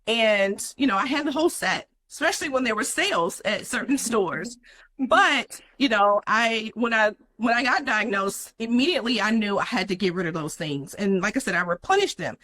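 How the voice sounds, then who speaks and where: Bright, earnest woman telling her story. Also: fairly high pitch, poor audio. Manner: earnest, many "you know" fillers. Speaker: guest. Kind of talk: personal story in an interview.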